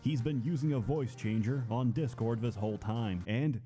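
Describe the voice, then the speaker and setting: A man narrating a scripted comedic video game review in a deadpan, mock-serious manner. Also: mid-range voice, normal speed, soft background music.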